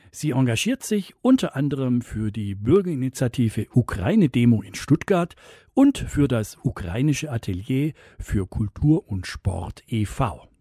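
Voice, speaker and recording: A man presenting a campus radio show, reading a formal, measured scripted introduction. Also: mid-range voice, dark tone, slightly rough, no room sound, studio quality.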